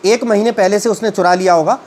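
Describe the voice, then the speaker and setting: A man with a high voice and darkish tone teaches a story by reading English lines slowly. He then retells and explains them haltingly, using many fillers.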